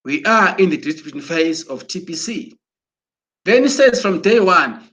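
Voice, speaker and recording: Speaking slowly and with deliberation, an excited male broadcaster pushes his audience forward in a motivational promo, frequently restarting and repeating words. For a man, his pitch runs high. It seems to be recorded on a computer microphone during a screen share.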